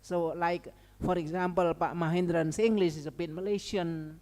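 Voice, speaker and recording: Her voice sits on the low side, a little mellow, with fairly even intonation at a normal pace. A language educator with an Indonesian accent, she lectures academically as a seminar speaker, conversationally peppering in tags like "okay" and "right" and informal asides, all under long hall reverb.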